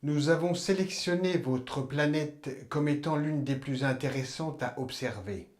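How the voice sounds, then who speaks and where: A man playing an aloof alien emperor who lectures humans in a formal, measured, detached way in a science-fiction drama. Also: fairly high pitch, lightly acted. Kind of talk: scripted science-fiction monologue. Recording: loud background noise and ambience.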